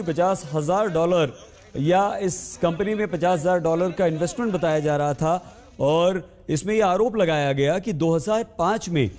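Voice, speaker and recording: A man's voice: a little high, darkish tone. A man anchoring live breaking news, speaking urgently and going back over the key points while he fills air time.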